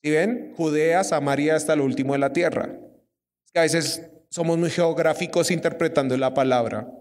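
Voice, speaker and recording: A young Colombian preacher with a high voice gives a lively sermon, keeps questioning his congregation. His voice rings through a hall with a long reverb. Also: normal speed. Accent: Colombian Spanish. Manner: lively, asks the audience questions.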